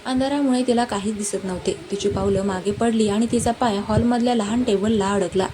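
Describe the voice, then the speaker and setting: A woman narrating a romance story in a dramatic, even-paced reading. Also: medium pitch, a little fast. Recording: noisy background hiss.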